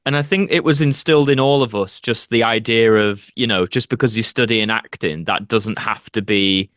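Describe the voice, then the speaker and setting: A young British man, an actor and YouTuber, chats casually as a podcast guest, reflective and full of anecdotes. His lowish voice has a fairly bright tone and moderate pace, recorded cleanly in a studio with no room sound.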